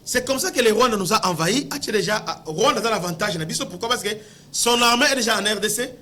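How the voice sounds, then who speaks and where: A man from the Democratic Republic of the Congo, with a Congolese accent, delivers impassioned political commentary packed with rhetorical questions and emphasis. He often repeats words while searching for the next one. His voice sits high and sounds pushed and bright, animated and quick.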